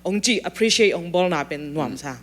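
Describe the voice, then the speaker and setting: A woman in casual talk-show conversation, explaining things in a calm, measured way. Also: fairly low pitch.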